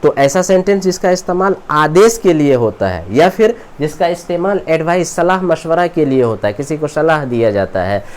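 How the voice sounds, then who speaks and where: A man's voice: on the high side, animated. A man teaching English grammar in a classroom-style lecture, repeating terms and quizzing his students as he goes. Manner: explains slowly, repeats terms and asks the students questions.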